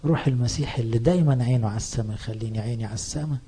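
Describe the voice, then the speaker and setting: A man with an Egyptian accent preaching a sermon as a priest, earnest and emphatic, rising in pitch on scripture quotes. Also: rapid-fire, mellow, breathy edge. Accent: Egyptian Arabic.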